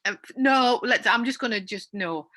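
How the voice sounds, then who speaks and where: A middle-aged woman from North East England co-hosts a podcast in casual chat, her accent sliding toward Yorkshire. Her voice is a little high and sharp, at a normal speed. She teases, sounds incredulous, and laughs a lot.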